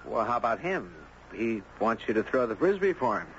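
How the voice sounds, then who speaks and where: In a 1970s radio drama, an actor and narrator plays a gentle, earnest man drawn into a tragic tale, narrating in first person in a measured, literate way. His mid-range voice is very animated, sounding flustered yet gentle. The broadcast is muffled, with music and slight background noise behind.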